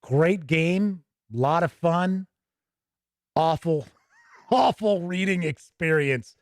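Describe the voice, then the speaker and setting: A slightly high-voiced man gives a casual, unscripted review of tabletop games, reading some passages aloud and offering opinions freely in a conversational way. He frequently stops mid-sentence as he thinks out loud, and the close, dry space has no echo.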